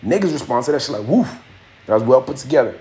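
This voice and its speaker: Fast-talking and animated, this young Haitian-family streamer and rapper has a mellow, medium-pitched voice. He chats loosely with viewers using slang, answers what they write, and raps a verse with a raised, rhythmic cadence.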